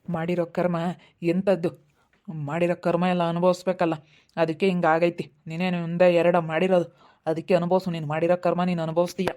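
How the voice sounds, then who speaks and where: A woman playing a sharp-tongued, scolding village neighbour in an amateur skit. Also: lowish voice, little pitch movement, fast, close to an everyday voice. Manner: scolding, judgmental. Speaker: neighbour Meena.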